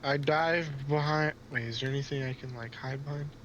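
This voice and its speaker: A man's voice: mid-range voice, fairly even intonation, fairly bright tone, lo-fi sound, slight background noise. A man playing a tabletop game, speaking hesitantly in a casual way. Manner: hesitant, slow, drawled. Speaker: player.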